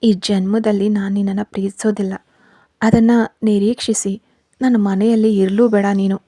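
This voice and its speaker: A cold, cruel young husband in a spoken storybook, snapping his words out loud and harsh, as a woman reader puts him on. The voice is dark and mellow, recorded close and dry with no room sound. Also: medium pitch, flat delivery, normal speed, no room sound, close to an everyday voice. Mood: angry.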